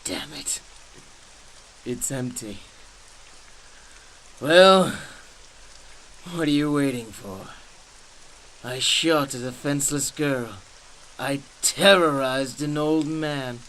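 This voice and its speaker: An actor playing a manic, mocking supervillain clown in a radio drama, theatrical and halting, prone to giggles. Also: male voice, mid-range voice, a bit bright, slight background noise, poor audio. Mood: bitter, taunting. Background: music.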